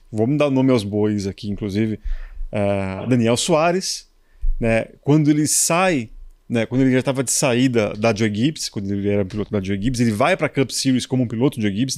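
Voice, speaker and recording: A man's voice: mid-range voice, darkish tone, no echo, clean studio sound. A man from Brazil, a motorsport journalist, telling anecdotes in casual conversation with colloquial asides.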